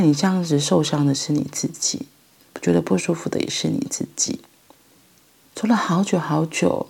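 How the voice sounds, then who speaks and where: A middle-aged woman with a Taiwanese Mandarin accent, a mother reflecting on parenting in a thoughtful, halting monologue. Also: deep voice, vocal fry, a little mellow, slightly rough. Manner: halting, thoughtful, pauses mid-phrase.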